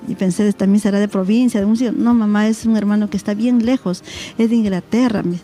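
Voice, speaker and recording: A woman's voice: medium pitch, steady tone, fast, dark tone, faint music behind. A middle-aged woman with a Peruvian accent, a mother giving her testimony on a church talk show and acting out remembered dialogue. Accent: Peruvian Spanish. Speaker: interviewed mother.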